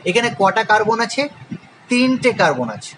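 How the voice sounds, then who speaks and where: A high-pitched man with a Bengali accent teaches a classroom chemistry lesson. He spells out terms letter by letter and poses questions before answering them. Faint noise sits under his voice. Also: very animated, moderate pace, a bit bright, low-quality recording. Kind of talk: classroom lecture.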